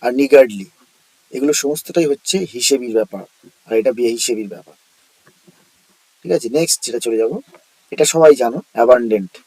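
A man's voice: medium pitch, fairly quick, long pauses, darkish tone, no room sound, low-quality recording. A man teaching an exam-prep vocabulary lesson, explaining word by word, repeating terms and answering his own questions.

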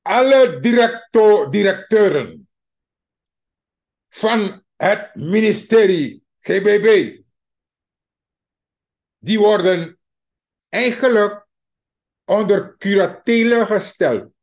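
A man's voice: sits high, animated, a little mellow. A man with a Surinamese Dutch accent giving a mocking, emphatic political commentary to his viewers. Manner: slow, mocking, emphatic, addresses viewers as dear friends. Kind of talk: opinion commentary monologue.

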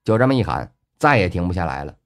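A man narrating a web novel audiobook in a colloquial storyteller style, full of drawn-out filler particles. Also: low-pitched, big pitch swings.

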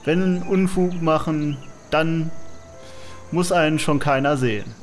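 A man's voice: a little high, a little slow, a little hiss or hum. A man hosting a let's play with casual game commentary.

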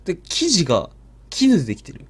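A man narrating a ghost story in a hushed, dramatic storytelling manner. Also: on the high side, huge pitch swings, a little fast, husky. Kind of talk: live ghost story telling.

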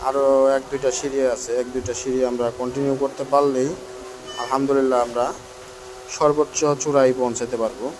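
A man's voice: medium pitch, little pitch movement, fast talker. Guy vlogging on a hike, kinda out of breath, just chatting and complaining, phone mic, lots of outdoor noise. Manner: chatty, frank and complaining, addresses viewers directly. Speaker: travel vlogger. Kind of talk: walking travel vlog commentary. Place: outdoors on hillside stairs. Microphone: handheld phone camera.

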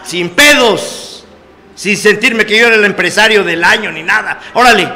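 A man with a Mexican accent giving a personal testimony to a meeting, earthy and full of swearing, swinging between loud emphasis and low confiding tones. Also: normal speed. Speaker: speaker sharing his testimony at a recovery meeting. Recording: echoey hall, faint background noise.

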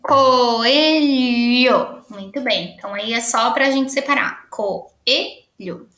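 Cheerful high-voiced woman teacher. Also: pushed and bright, roomy sound. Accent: Brazilian Portuguese. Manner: cheerful, encouraging, sounds out syllables slowly. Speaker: primary school teacher. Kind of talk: remote lesson for young children.

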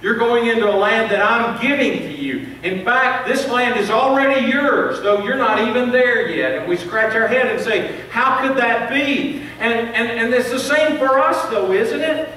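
Middle-aged man, pastor, earnest sermon delivery, high-ish voice, distant lectern mic in a very echoey church. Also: animated, a little slow, hardly any pauses, pushed and bright. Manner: earnest preaching with rising emphasis and repeated restarts. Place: large church sanctuary, preaching at a lectern. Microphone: lectern microphone, filmed by a far camera. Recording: echoey sanctuary, distant mic, faint hiss.

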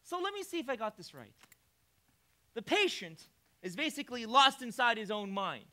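An actor playing a blunt, questioning police officer in a stage musical. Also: male voice, very high-pitched, sing-song, moderate pace, bright, forceful tone, heavily acted. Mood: skeptical.

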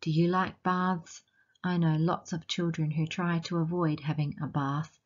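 A woman with an Australian accent reading a picture book aloud to children and asking them gentle, teacherly questions along the way. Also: low voice, level tone, a little slow, highs cut off. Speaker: children's storytime reader.

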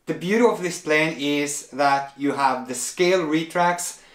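A man's voice: fairly high pitch, a little slow. Roomy-sounding man reviewing a model plane. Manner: relaxed, hesitant with many filler sounds. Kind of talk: product unboxing review.

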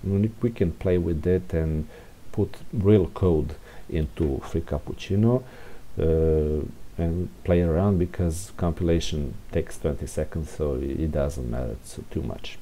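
A man with a low, mellow voice talks slowly and thinks aloud while presenting an informal, unscripted screencast walkthrough of code for a programming tutorial. A room heater hisses in the background.

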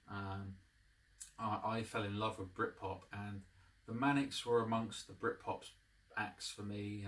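A man's voice: on the low side, fairly bright tone, distant mic. A man in his thirties hosting a casual to-camera review at home, rambling with lots of ums and restarts. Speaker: channel host, reviewer. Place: living room at home. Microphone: camera across the room.

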